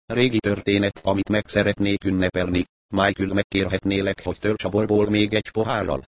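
A man reading the part of a scheming, crow-like old uncle with a croaking voice, in an audiobook. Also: on the low side, little pitch movement, no room sound, lightly acted. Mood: gloating.

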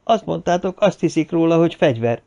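A man's voice: on the high side, animated, vocal fry, warm tone, pitched above the performer's own voice. A man voicing a grim, weary male expedition leader who speaks firmly. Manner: firm, weary. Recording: dull lo-fi recording.

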